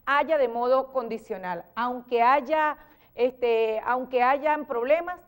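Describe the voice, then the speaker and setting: A woman teacher with a Venezuelan accent, patiently explaining grammar in a TV interview and acting out lively example sentences. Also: high voice, slow, clear, resonant tone. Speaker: teacher guest.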